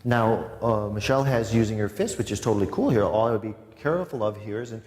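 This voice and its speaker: A man guiding a live yoga class, giving calm cues broken up by chatty, joking asides to his students. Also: on the low side, quick pace. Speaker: yoga instructor. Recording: long reverb in a studio room.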